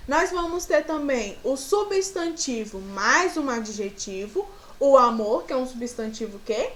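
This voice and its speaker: A woman's voice: high-pitched, animated, a little slow, fairly bright tone. A woman with a Brazilian Portuguese accent teaching a grammar lesson to children, patiently walking through example words.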